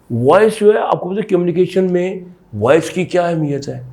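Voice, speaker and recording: A man, a doctor giving an explanatory talk and leaning on rhetorical questions. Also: medium pitch. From Pakistan. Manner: lively, emphatic, frequent rhetorical questions. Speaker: sexologist doctor.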